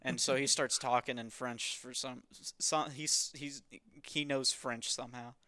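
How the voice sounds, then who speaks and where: A man's voice: mid-range voice, fairly even intonation, measured pace, sharp tone, smooth, no room sound. A man hosting a podcast, casually recapping a comic in a wry, dismissive way. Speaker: podcast host.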